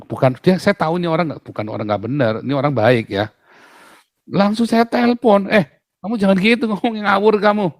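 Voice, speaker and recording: A man's voice: mid-range voice, darkish tone, no echo. Emphatic man pastor, dry close sound. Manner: emphatic, full of rhetorical questions. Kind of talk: outspoken casual talk.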